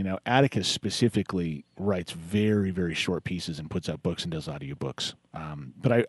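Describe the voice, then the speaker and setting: A radio talk show host with a lowish, slightly mellow voice chats on air with a caller, casual and encouraging. He rambles a bit while offering advice, and the sound is free of echo.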